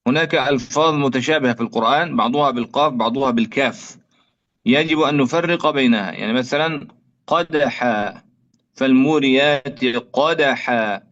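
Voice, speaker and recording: A man teaching Quranic pronunciation, stretching out example words slowly to demonstrate each sound. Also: mid-range voice, fairly bright tone. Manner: slow drawn-out demonstrations of letter sounds. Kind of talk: tajwid lesson with recited examples. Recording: dull lo-fi audio.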